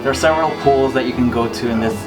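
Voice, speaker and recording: Co-hosting a relaxed travel podcast, this Cebuano-speaking man talks at a racing pace in a mid-range voice. He's off-mic and distant, with acoustic guitar music behind him.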